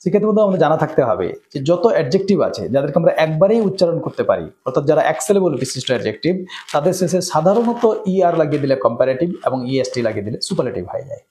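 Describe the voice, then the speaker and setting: In a little high, sing-song voice with a warm tone, a Bengali-accented man explains English grammar rules one by one. He keeps asking "right?" and reads example sentences slowly.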